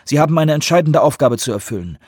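A man's voice: a little high, sing-song, fast talker, a little mellow, husky, dry recording, voice pushed up. Man reading stubborn counterterror boss, firm, insistent, raised voice, dry sound, audiobook. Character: stubborn, dutiful male counterterror chief.

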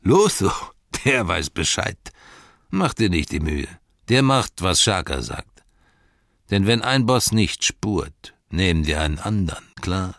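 A man's voice: low voice, big pitch swings, a little slow, fairly bright tone, no room sound, clean studio sound, heavily acted. A man doing a sneering brutish ruffian. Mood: threatening. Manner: bullying, menacing, drawls and spits words.

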